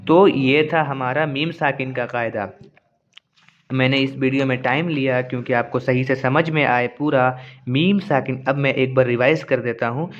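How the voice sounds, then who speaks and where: A man's voice: mid-range voice, normal speed, muffled recording, slight background noise. A man teaching Quran recitation rules, explaining patiently and repeating each point. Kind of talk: explanatory lesson with slow recited examples.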